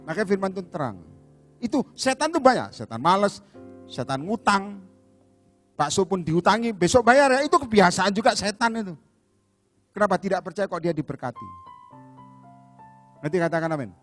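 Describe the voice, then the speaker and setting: Animated high-voiced preacher man. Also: normal speed, long pauses, faint music behind. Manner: animated, acts out voices of demons and Jesus, calls for amens. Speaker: evangelist preacher. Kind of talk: lively sermon. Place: church service.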